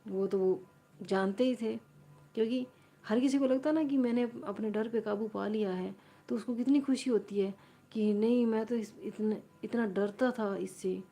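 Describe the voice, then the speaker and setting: A woman's voice: on the high side, moderate pace, mellow. A woman on a live stream, casually retelling a story to her viewers and repeating and rephrasing her lines as she goes.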